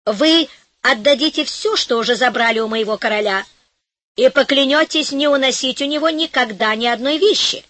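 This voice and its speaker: A woman reading an audiobook, voicing a tiny, squeaky male envoy from a dream kingdom who bargains in a quick, placating way. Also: a bit bright, dry recording.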